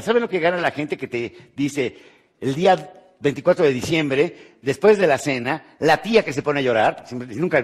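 A Mexican man giving a live motivational talk to an audience, joking and asking rhetorical questions, his voice jumping from loud bursts to quiet asides. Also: medium pitch. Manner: jokey, rhetorical, checks in with "¿sí?". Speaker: motivational speaker. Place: conference hall with live audience.

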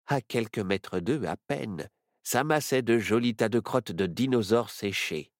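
A man narrating a children's story in an expressive, playful way. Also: on the low side, measured pace, dry recording, clean studio sound.

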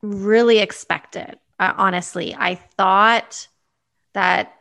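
A woman's voice: medium pitch, fairly even intonation, takes it slowly, gravelly, pushed and bright. A woman in her fifties, answering interview questions thoughtfully and with some hesitation. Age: 50s. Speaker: guest.

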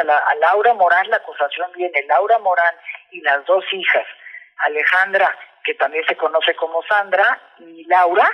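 A woman's voice: lowish voice, muffled recording. A woman giving testimony in an interview, insistent and repeating herself as she acts out what others said.

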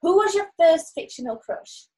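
A woman's voice: very high voice, expressive, normal speed, dark tone. A woman interviewer asking questions in a casual, playful, giggly way.

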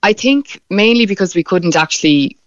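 A slightly dull, dry recording of a young woman from the west of Ireland, with that region's accent. Her voice is smooth and clear. She answers casually and chattily, like a guest in a relaxed interview. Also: mid-range voice, moderate pace, no echo. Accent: west of Ireland (County Clare). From County Clare, west of Ireland. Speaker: interview guest, marine biologist and beach cleanup organiser.

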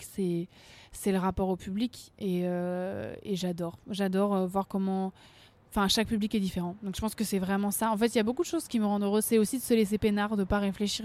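A woman's voice: medium pitch, dark tone. A young woman singer talking casually in an interview, chatty, laughing often, full of fillers and restarts. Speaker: singer guest.

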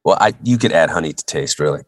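A man co-hosting a casual podcast chat in a choked, hoarse voice that sounds half lost, with wordy, playful phrasing. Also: very deep voice, animated, quick pace, dry recording, clean studio sound. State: hoarse, choked-up, strangled voice from losing it. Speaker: podcast co-host.

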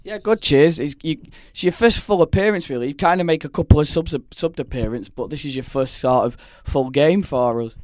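A man with a hoarse, croaky voice hosting a football podcast in an informal, jokey, chatty way. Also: fairly high pitch, brisk, few pauses, darkish tone, no echo. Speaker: podcast host.

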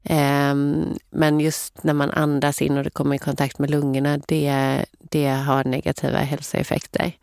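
Low, creaky-voiced woman explaining skincare. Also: completely flat delivery, few pauses, darkish tone, dry recording, studio quality. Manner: earnest, explanatory, many fillers. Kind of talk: casual podcast chat.

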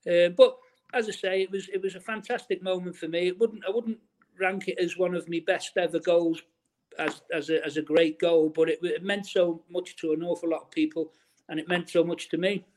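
A middle-aged former footballer reminisces in a casual interview, chatty and full of restarts and "you know" fillers. His high voice is steady in tone, a little mellow, and fairly quick.

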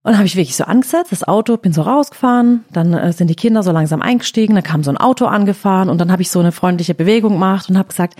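A woman's voice: medium pitch, very fast, few pauses, warm tone. A woman telling a story in casual chat, quoting her own words as she goes.

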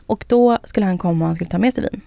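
A woman co-hosts a casual podcast chat, her voice full of gravelly fry. She rambles through stories, acting out quoted lines and swearing freely. The sound is close and dry, with no room echo. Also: mid-range voice, dark tone. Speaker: podcast co-host.

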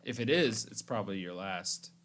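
A man's voice: fairly low pitch, expressive, moderate pace, fairly bright tone. A tipsy, drowsy young man co-hosting a podcast, teasing his friend in dry asides. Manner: dry, teasing, laughs often. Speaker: podcast co-host. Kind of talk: casual drunken banter.

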